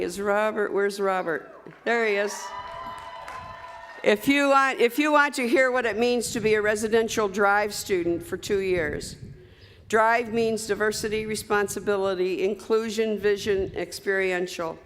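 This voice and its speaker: Older woman commencement speaker, folksy storyteller, mid-pitched, long hall reverb with faint crowd ambience. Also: a little hiss or hum. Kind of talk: commencement speech. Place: large hall at a graduation ceremony.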